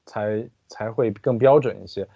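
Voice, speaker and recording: A man acting as a language teacher, translating sentences and explaining pronunciation slowly and deliberately. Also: fairly low pitch, vocal fry, warm tone, husky, no room sound, muffled recording. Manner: slow, deliberate, careful explanations.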